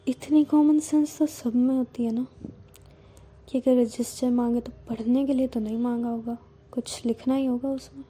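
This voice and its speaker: A woman's voice: a little high, fairly even intonation, normal speed, warm tone, breathy edge. A woman doing a cool, bossy teacher. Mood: needling. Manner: cool, needling, commanding. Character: bossy teasing female teacher, young adult.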